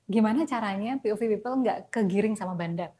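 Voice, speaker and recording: A woman's voice: medium pitch, fast, dark tone, husky. A woman co-hosting a casual talk show, cutting in politely with questions. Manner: polite, apologetic interjections. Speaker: co-host. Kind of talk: casual podcast chat.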